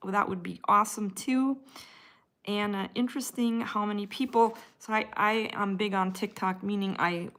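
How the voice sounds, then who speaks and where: A slightly high, somewhat bright voice belongs to this American woman with a Midwestern accent. She hosts a laid-back livestream, reading the chat and replying to each viewer by name.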